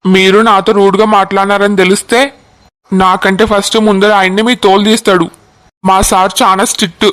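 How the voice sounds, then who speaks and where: A voice artist doing a stern cartoon police officer. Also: male voice, sits high, level tone, a little fast, a bit bright. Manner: scolding, commanding. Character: stern male police officer, strict and threatening.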